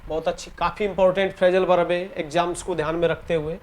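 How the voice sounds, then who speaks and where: Indian guy teaching english phrasal verbs, pretty high voice, drags out the example sentences, keeps saying theek hai. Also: flat delivery. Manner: explains in Hindi, reads English example sentences slowly and deliberately; repeats key words and ends points with "theek hai". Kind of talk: exam-prep grammar lesson.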